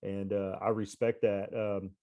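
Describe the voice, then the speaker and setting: A guest on a casual conversation, this baseball coach is a man in his thirties with a mild Texas accent who rambles with fillers and restarts. His voice is fairly low, warm and level, his pace measured, and the audio sounds dull.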